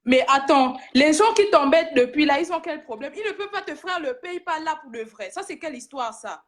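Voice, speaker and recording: A woman calling in by phone to a casual livestream. Her voice sits high, and she talks in a calm, practical way, offering fixes. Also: a little fast. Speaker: caller.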